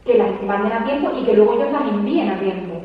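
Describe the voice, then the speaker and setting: A woman from Spain with a Spanish accent, talking to an audience at a book presentation in an animated way and often adding tag questions. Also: medium pitch. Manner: animated, rapid, peppers speech with tag questions. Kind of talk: conversational talk to an audience. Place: large hall at a public event. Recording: echoey hall, distant mic, dull sound.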